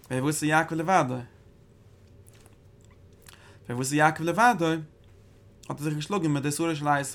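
A Torah teacher delivers a religious study lecture in a somewhat high voice with vocal fry. He breaks into emphatic bursts and frequently repeats and restarts his phrases.

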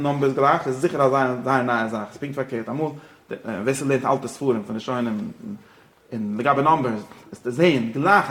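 Fast-talking man teaching in an echoey room. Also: medium pitch, a little hiss or hum. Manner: rapid, repetitive, drops in English phrases. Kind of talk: religious-philosophy lesson.

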